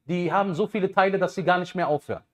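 Animated man preaching on a headset mic. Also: high-pitched, very fast. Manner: animated, gestures widely, swings between loud bursts and quiet asides. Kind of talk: sermon.

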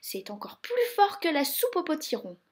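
A woman voicing a group of chattering little mice, eager and kind, in a squeaky, excited way, for a read-aloud storybook. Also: normal speed. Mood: alarmed.

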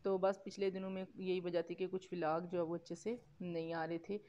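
A woman's voice: lowish voice, little pitch movement, fairly quick, mellow. A woman with a Pakistani Urdu accent narrating a home cooking vlog as a voice-over, chatty, with frequent fillers and self-corrections. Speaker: cooking vlogger. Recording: dull lo-fi voice-over.

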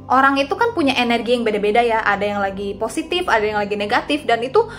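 A woman's voice: a little high, animated, fast, fairly bright tone, faint music behind. A young woman in her twenties giving casual, confiding advice straight to her viewers, like a vlogger chatting about feelings. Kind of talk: casual talking-head advice.

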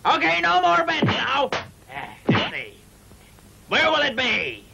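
An actor playing a jovial, sly gambling stallholder in a dubbed martial arts film, calling out for bets in short bookmaker-style patter. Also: male voice, very high-pitched, huge pitch swings, takes it slowly, gravelly, background noise, exaggerated voice. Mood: teasing, hawking. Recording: old film dub with loud music.

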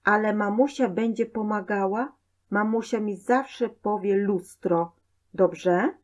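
A woman reading a storybook aloud, voicing a stubborn little boy who shouts and demands. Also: mid-range voice, takes it slowly, close to an everyday voice. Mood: gentle.

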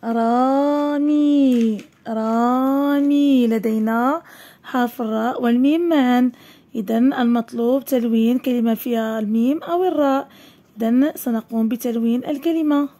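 Slow-syllabling woman teaching young pupils. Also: a little high, dark tone. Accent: Moroccan Arabic. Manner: stretches words slowly syllable by syllable. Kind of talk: primary school lesson.

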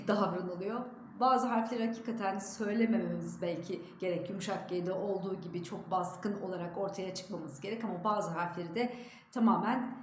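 A woman giving a pronunciation lesson on her channel, speaking clearly and deliberately and stressing contrasting example words. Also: mid-range voice, a little mellow, roomy sound, slight background noise. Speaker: diction teacher.

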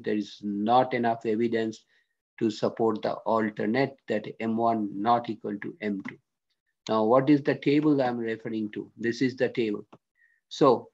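A man teaching a statistics lesson as a screen-recorded voice-over, working through it step by step and often checking in with "okay?". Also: medium pitch. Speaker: statistics lecturer. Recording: dull lo-fi screen-recorded audio.

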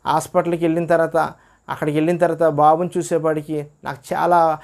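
A man's voice: on the high side, flat delivery, fast, a little mellow. A man telling his personal religious testimony, acting out what others said. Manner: earnest storytelling, acts out quoted dialogue. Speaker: testimony speaker.

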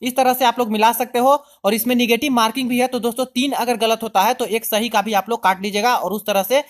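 A man's voice: very high-pitched, fairly even intonation, quick pace. A man hosting a channel, talking viewers through an online process step by step in a chatty screen-recording tutorial, constantly calling them friends. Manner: step-by-step instructional. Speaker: YouTube channel host.

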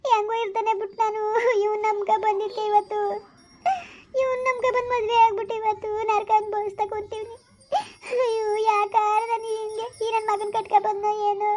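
Woman playing Sushila, a very high, sobbing village wife. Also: flat delivery, brisk, darkish tone, soft background music. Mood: weeping. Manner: wailing, lamenting in sobs. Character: tearful pregnant village wife, regretful. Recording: slightly dull lo-fi recording.

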